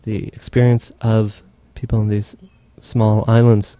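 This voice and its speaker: A man hosting a radio interview, speaking haltingly with many fillers. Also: on the low side, flat delivery, dark tone, no room sound. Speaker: radio show host.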